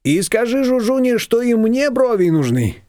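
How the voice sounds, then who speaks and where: A man's voice: very high voice, very animated, darkish tone, no room sound, studio quality, pitched above the performer's own voice. A man reading an audiobook voicing a gossipy, bargaining female confectioner. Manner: bargaining, chatty, drawn-out. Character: haggling middle-aged female confectioner, gossipy and sly.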